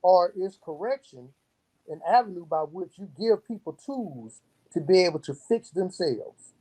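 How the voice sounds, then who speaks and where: This youth program founder, a guest in an interview, has a high, mellow voice with a breathy edge and speaks at a measured pace in an animated way. His replies are earnest and emphatic, and he leans on stories to make his case. The audio is poor.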